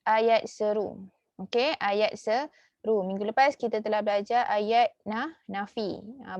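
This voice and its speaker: A woman with a Malaysian Malay accent teaching a lesson, filling her talk with "okey" and "ha" and repeating key words slowly. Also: mid-range voice, darkish tone, no room sound, muffled recording. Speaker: religious school teacher. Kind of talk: online class lesson.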